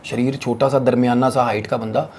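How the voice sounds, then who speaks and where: Gravelly man telling a crude ghost story. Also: mid-range voice, little pitch movement, a little fast, darkish tone, a little hiss or hum. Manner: crude slangy storytelling, heavy swearing. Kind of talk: casual horror storytelling.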